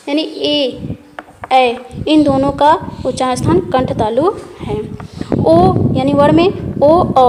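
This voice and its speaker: A woman's voice: high voice, a little mellow, in a large hall, slight background noise. A woman teacher giving a grammar lesson, going through each point patiently and repeating it.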